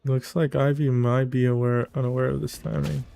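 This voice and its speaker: A man's voice: mid-range voice, flat delivery, brisk, gravelly, warm tone. A man giving esports caster commentary in short, clipped observations and reactions to the match.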